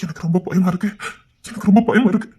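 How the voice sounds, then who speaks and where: A man acting out a distraught father in an audio drama, his voice pitched high and pleading as he repeats his fears over and over. He sounds tearful and desperate, begging the others not to turn against his child. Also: quick pace, mellow, breathy edge. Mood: frightened. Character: anguished elder brother pleading for his young daughter.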